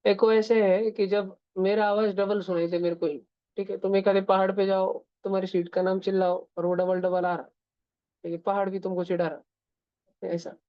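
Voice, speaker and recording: A woman's voice: medium pitch, flat delivery, moderate pace, no echo, lo-fi sound. A woman teaching physics in a casual classroom style that has in it. She keeps checking that her students are following. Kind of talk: classroom lecture.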